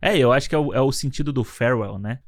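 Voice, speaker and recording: A man in his thirties chats easily and throws in quick jokes. His voice is mid-pitched. It is recorded dry and close. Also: no echo. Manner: relaxed, agreeing, joking. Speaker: podcast co-host. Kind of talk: casual chat.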